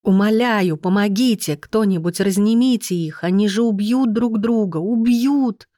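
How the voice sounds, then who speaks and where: A woman's voice: mid-range voice, steady tone, moderate pace, dark tone, no echo, studio quality, natural voice. A woman voicing a panicking middle-aged mother-in-law, begging shrilly for help. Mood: panicked.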